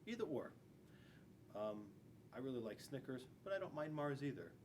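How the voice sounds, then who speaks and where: A school resource officer in his forties reads a storybook to young children in a classroom, adding playful, chatty asides. His mid-range voice is sing-song and a little mellow at a moderate pace, picked up by a camera a few feet away with faint room noise.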